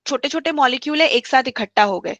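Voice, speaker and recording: Bright high-voiced woman teaching chemistry. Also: animated, brisk, no room sound. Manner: explains step by step, repeats key points; mixes English terms into speech. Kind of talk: online class lecture.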